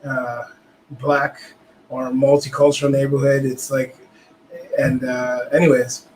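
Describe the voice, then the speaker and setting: A man co-hosting a casual talk show, speaking reflectively with many pauses and fillers. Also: mid-range voice, level tone, darkish tone, a little hiss or hum, poor audio. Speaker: podcast co-host. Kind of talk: casual conversation.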